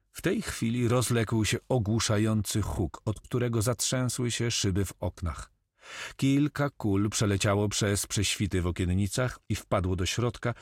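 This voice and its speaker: A man with a lowish voice reads adventure narration at a measured pace. The recording is dry and close, with no room sound at all. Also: dry recording. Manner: measured storytelling. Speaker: audiobook narrator. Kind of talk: scripted narration.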